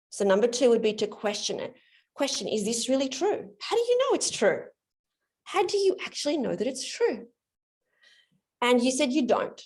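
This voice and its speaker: In an online session, a woman demonstrates live coaching, walking a guest through his limiting beliefs on a video call. Her fairly high, somewhat mellow voice stays friendly and explanatory.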